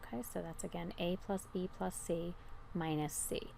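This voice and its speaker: A woman's voice: on the low side, fairly even intonation, normal speed, gravelly, warm tone, a little hiss or hum. A woman teacher giving an informal, step-by-step explanation in a recorded math lesson.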